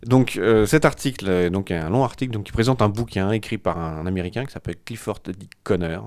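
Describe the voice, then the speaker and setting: Low-voiced hesitant man on a dry mic. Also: fairly quick, darkish tone, no room sound. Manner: hesitant, many fillers and restarts. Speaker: podcast co-host reading a tech press review. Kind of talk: casual podcast chat.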